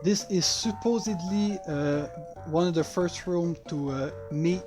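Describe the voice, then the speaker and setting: Over background music, a high-pitched man with a French accent talks through a game he developed, speaking casually. French is his native language, and his English comes out halting and hesitant.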